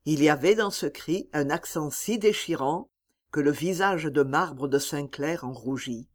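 An audiobook reader giving a slow, measured, solemn narration of a classic novel. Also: medium pitch.

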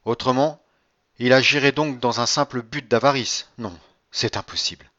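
A man's voice: medium pitch, normal speed, sharp tone, no room sound, highs cut off, natural voice. A man voicing a proud, indignant French magistrate in an audiobook reading, speaking emphatically.

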